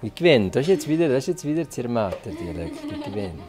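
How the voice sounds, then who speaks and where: A blunt, teasing man in his sixties with a Swiss German accent, grumbling his way through a hotel and restaurant on camera. His pitch sits mid-range for a man. Faint music plays beneath his voice. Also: sing-song, fast talker. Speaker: restaurant tester host. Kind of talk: casual on-camera chat. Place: outdoors in a mountain village, then hotel rooms.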